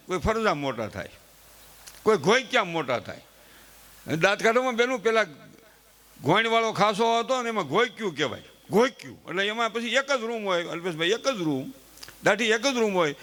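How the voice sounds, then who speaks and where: On a live stage, a middle-aged man gives a folksy, chatty comedy monologue in a high-sitting, bright, forceful voice. He addresses the audience directly and performs the voices of quoted family members.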